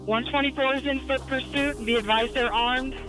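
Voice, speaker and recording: A middle-aged woman police dispatcher speaking over police radio, calm and measured, repeating key details. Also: sits high, music in the background, low-quality recording. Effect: police radio transmission. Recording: archived police radio audio.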